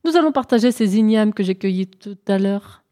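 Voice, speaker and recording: A woman's voice: mid-range voice, lively intonation, a little fast, dark tone, close to an everyday voice. A woman voicing a cunning, boastful male hare from a storybook who whines and gives orders. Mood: cheerful. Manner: lamenting, then bossy and sly.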